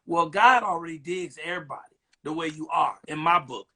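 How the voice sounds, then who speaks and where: A comedian interviewing a guest, riffing in an animated, preachy way. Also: male voice, on the high side, brisk. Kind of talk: casual interview chat.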